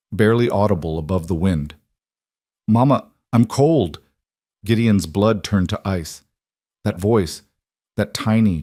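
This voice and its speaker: Male storyteller, low register, dry close sound, measured somber narration. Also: darkish tone, dry recording.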